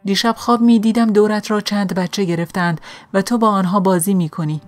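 A woman voicing a kind, motherly older woman who speaks gently and affectionately. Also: mid-range voice, steady tone, soft background music, lightly acted. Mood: gentle, affectionate.

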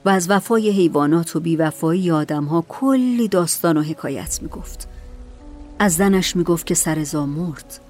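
Woman narrating a story over soft music. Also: lowish voice.

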